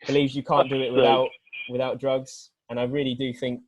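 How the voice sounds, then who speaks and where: A British weightlifting coach talking through training ideas on a group video call, earnest and rambling, with many restarts. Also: male voice, mid-range voice, little pitch movement, a little fast, dry recording. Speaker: weightlifting coach, guest speaker.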